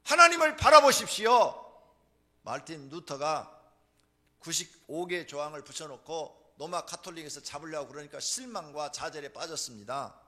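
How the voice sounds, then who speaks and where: Fervent high-voiced male pastor preaching. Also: normal speed. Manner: fervent, swings from hushed to shouted exhortation. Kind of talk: sermon.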